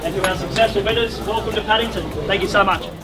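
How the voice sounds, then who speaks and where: Very noisy audio captures a young Australian auctioneer calling bids on an outdoor wooden deck with music in the background. He speaks fast in a high-pitched, steady voice, using formal and courteous patter with the bidders.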